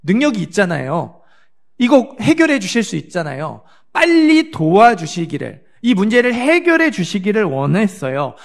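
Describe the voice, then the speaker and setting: High gravelly man preaching sunday sermon at church, asks the people stuff then answers it. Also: wildly swooping pitch, normal speed. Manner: asks the congregation questions and answers them himself; acts out the disciples' frantic words in a higher voice. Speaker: pastor. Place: church sanctuary.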